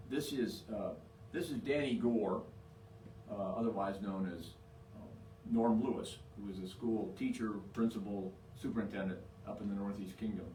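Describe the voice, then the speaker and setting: A man giving an informal, humorous lecture in a halting, hesitant way, pausing often to search for words. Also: fairly low pitch, darkish tone. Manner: halting, hesitant delivery with long searching pauses. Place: indoor lecture room, picked up from afar. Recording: distant echoey room, faint noise.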